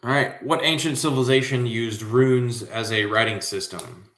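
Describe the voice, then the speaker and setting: A man's voice: medium pitch, normal speed, a bit bright. A man with an American accent, from Central Florida, hosting a casual livestream trivia show in a slangy, hyped, rambling way. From Central Florida, USA. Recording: echoey room.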